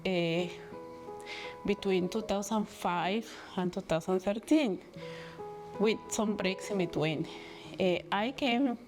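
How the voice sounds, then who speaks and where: A woman's voice: medium pitch, takes it slowly, pauses often. Woman, careful testimonial. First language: Spanish. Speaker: former participant. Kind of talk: personal testimonial. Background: background music.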